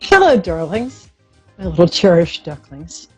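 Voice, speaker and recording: Low, husky woman chatting playfully. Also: big pitch swings, measured pace, darkish tone, faint music behind. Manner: theatrical endearments, playful. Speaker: psychic show host. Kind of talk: casual chatty live show talk, guided relaxation. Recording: slightly dull, lo-fi stream audio.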